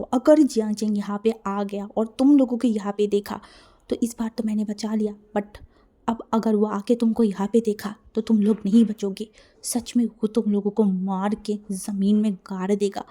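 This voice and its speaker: A woman's voice: mid-range voice, fairly even intonation, normal speed, mellow, close to an everyday voice. A woman voicing a young man sternly warning others to leave in a storybook reading. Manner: firm, warning.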